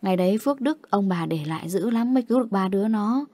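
A woman's voice: mid-range voice, expressive, fast talker, dark tone, no room sound, lightly acted. A woman voicing a stern, grieving old grandfather in an audio story, speaking in a solemn tone.

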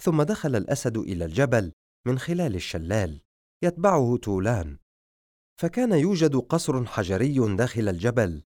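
A man's voice: mid-range voice, sing-song, normal speed, a little mellow, no echo, clean studio sound. A man narrating a fantasy novel as an audiobook, telling the story expressively.

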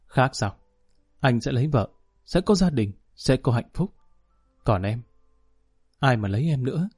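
A man's voice: mid-range voice, expressive, a little slow, darkish tone, breathy edge, soft background music. A man reading the lines of a despairing, sensitive young woman in an audiobook, bitter and self-pitying.

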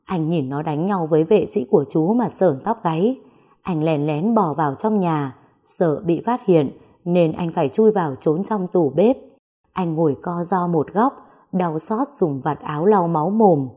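Low mellow woman narrating a story. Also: lively intonation, measured pace, husky. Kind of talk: scripted audio story narration.

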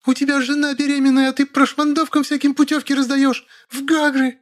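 A man's voice: very high-pitched, little pitch movement, a little fast, voice pushed up. A male audiobook reader voicing a hysterical young pregnant woman who screeches and wails her accusations. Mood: shrieking furious.

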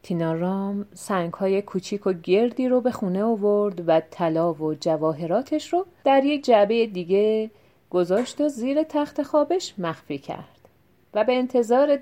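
A woman calmly narrating a folk tale as an audiobook reader, in an even storytelling manner. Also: medium pitch.

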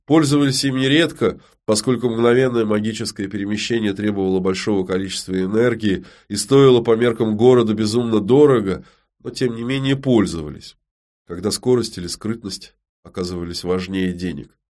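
Brief: male narrator, low voice, steady expressive reading. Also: brisk. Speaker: audiobook narrator. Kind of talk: scripted narration.

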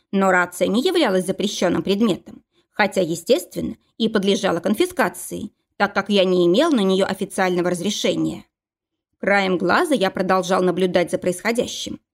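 A woman narrating a first-person audiobook in a steady, even reading style. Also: medium pitch.

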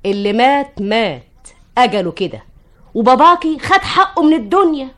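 Egyptian actress doing a pushy widowed mom, fast talker, scolds her daughters, old radio play. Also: high-pitched, animated, fairly bright tone. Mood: scolding. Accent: Egyptian Arabic. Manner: scolding, insistent, theatrical. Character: widowed mother eager to remarry, bossy. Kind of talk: 1950s Egyptian radio drama acting.

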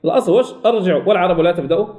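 A man teaching a Quran recitation lesson, who asks and answers his own questions and slowly repeats example words. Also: sits high, mellow. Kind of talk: recorded tajweed lesson.

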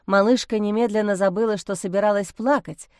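A woman reading a story aloud as narrator, with an even storytelling cadence. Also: medium pitch, a little fast, clear, resonant tone, dry recording, studio quality. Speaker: audiobook narrator. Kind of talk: scripted narration.

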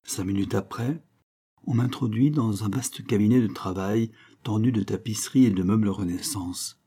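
Male storybook reader, husky and low, expressive with hushed asides. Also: moderate pace. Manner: expressive, lively reading with sudden lifts and hushed asides. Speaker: audiobook reader. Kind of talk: reading a short story aloud.

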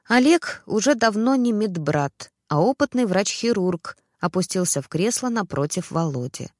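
A woman reads a family drama aloud in a steady, expressive storytelling voice. Her pitch sits in the middle range. The recording is close and dry, with no room echo. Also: normal speed. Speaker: narrator. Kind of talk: audiobook story narration.

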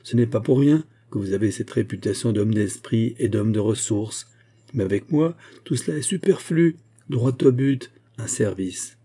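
Guy reading a proud tired noble, cold and dignified, dark husky voice, audiobook. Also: medium pitch, moderate pace, natural voice. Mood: resigned. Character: proud weary male superintendent, noble in defeat.

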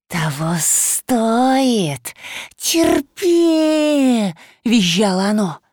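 A woman narrating a fantasy tale in a measured, unhurried way. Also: mid-range voice, a little mellow, dry recording, clean studio sound. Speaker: audiobook narrator.

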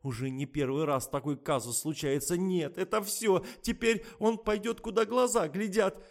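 A man voicing a flustered, bossy middle-aged woman doctor who scolds in shrill outbursts. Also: normal speed, close to an everyday voice.

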